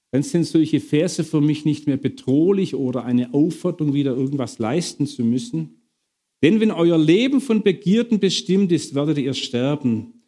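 A middle-aged man preaching a sermon to his congregation, lively, questioning and bantering with the listeners. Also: a little high.

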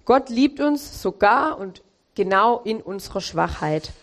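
A woman's voice: medium pitch, expressive, unhurried. A woman preacher giving a casual, informal sermon, talking in slangy phrases with many fillers.

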